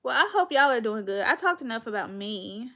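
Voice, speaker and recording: A woman's voice: on the high side, lively intonation, a little fast, a bit bright. A woman in her thirties with a North Carolina Southern accent, hosting a casual podcast livestream and chatting directly with viewers, calling them y'all. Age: 30s. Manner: chatty, addresses viewers as y'all, laughs often. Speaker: podcast host.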